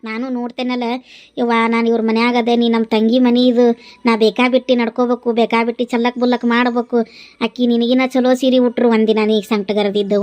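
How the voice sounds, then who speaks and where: A woman's voice: fairly high pitch, darkish tone, close to an everyday voice. A woman voicing an older motherly village woman in a cartoon, coaxing and chiding in a North Karnataka accent. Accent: North Karnataka Kannada. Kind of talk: cartoon voice acting.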